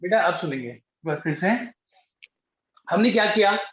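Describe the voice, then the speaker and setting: This chemistry teacher is a man with a high, lively voice who lectures at a moderate pace. He nudges his students to answer and repeats his questions, all in a dull, echoey classroom recording.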